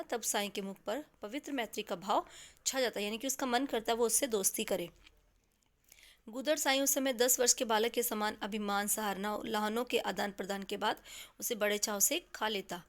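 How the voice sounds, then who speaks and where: Woman teacher explaining a story chapter. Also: on the high side. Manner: retells the story then explains in simpler words. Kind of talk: explaining a textbook chapter to students.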